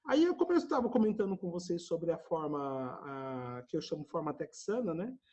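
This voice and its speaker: A man with a Brazilian accent teaching an English class over a video call, chatty, tagging nearly every phrase with a quick questioning aside. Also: on the high side, sing-song, a little mellow, dull audio. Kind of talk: online language class explanation.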